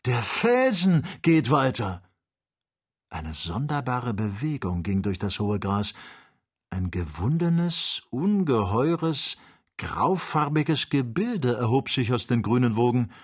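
A man narrating a classic adventure novel as an audiobook, reading in an even, measured way. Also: mid-range voice, slightly rough. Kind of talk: scripted narration.

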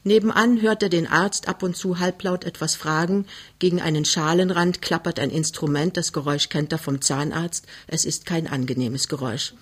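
Audiobook reader, steady measured storytelling, mid pitch. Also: husky. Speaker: audiobook narrator. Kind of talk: literary audiobook reading.

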